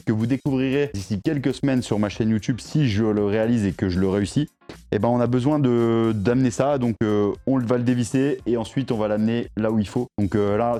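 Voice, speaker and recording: A man's voice: medium pitch, mellow. Chatty man touring his garage gym. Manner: chatty, many fillers and restarts. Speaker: CrossFit athlete showing his home gym. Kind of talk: casual vlog tour.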